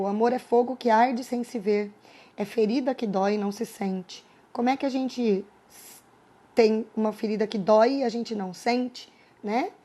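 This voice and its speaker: A woman's voice: fairly high pitch, mellow. A woman teacher with a Brazilian Portuguese accent, giving a recorded lesson to her students and checking in with frequent tag questions.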